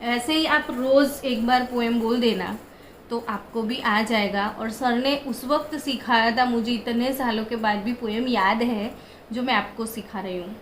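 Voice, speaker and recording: Indian woman teacher, slightly high voice, unhurried lecture, echoey room, faint background hum. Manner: chanting memory rhymes in quick bursts; slow, deliberate explanations with fillers. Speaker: physics teacher. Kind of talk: classroom lecture mixing Hindi and English.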